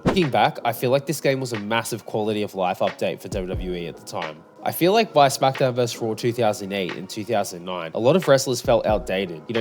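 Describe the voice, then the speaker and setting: A man narrating a casual game review as a YouTuber, with relaxed, chatty opinions. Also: on the low side. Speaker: gaming YouTuber. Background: music.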